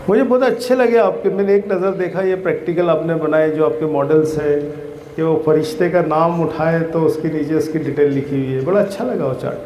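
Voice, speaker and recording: A man's voice: on the high side, steady tone, fairly quick, a little mellow, slight background noise. A man giving a motivational talk to schoolchildren at an outdoor school gathering, speaking in a fatherly way and quizzing the crowd. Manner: fatherly, calls listeners "beta", quizzes the crowd. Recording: roomy echo.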